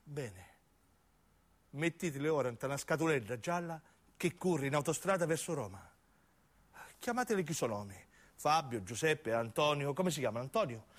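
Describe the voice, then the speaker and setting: Pitched on the high side, this animated male stage actor and narrator speaks at a moderate pace and pauses often. He has a southern Italian accent and delivers a theatrical radio monologue, shifting dramatically between close narration and performed dialogue.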